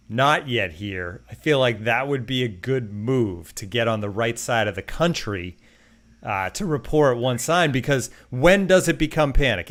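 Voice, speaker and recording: A man hosts a casual podcast with a slight Boston accent, his voice plain and mid-pitched. He lays out numbers in a steady run and turns them into questions for his co-host. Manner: steady, reels off stats, asks questions.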